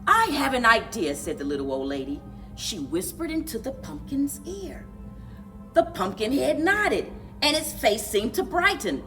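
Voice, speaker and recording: Faint music lingers behind a slightly high-voiced woman leading library story time. She narrates for kids in an expressive, dramatic, unhurried way, using playful sound words.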